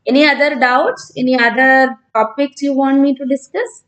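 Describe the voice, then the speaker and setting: A woman's voice: high-pitched, fairly even intonation, normal speed, fairly bright tone, poor audio. A woman from Kerala with a South Indian accent, teaching informally on a live stream and talking conversationally as she answers students. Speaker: online physics teacher.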